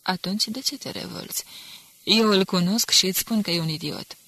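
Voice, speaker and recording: A woman's voice: medium pitch, bright, forceful tone, no room sound. A woman reading the part of a contemptuous, hard-drinking male enemy agent who speaks with cool disdain. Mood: scornful.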